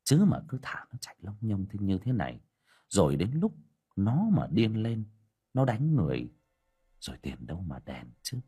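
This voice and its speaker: A man reads an audiobook folk tale with a husky, slightly low voice. His pitch swings widely as he leans into the telling, colloquial and vivid. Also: normal speed. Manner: storytelling with lively emphasis, colloquial. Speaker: narrator. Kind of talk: audiobook story narration.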